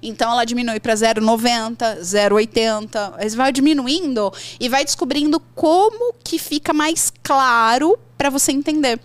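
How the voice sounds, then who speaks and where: A woman with a Brazilian Portuguese accent, an English teacher giving lively advice in a podcast conversation and acting out her students' complaints. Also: normal speed, hardly any pauses. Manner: animated, acts out learners' complaints in a high voice.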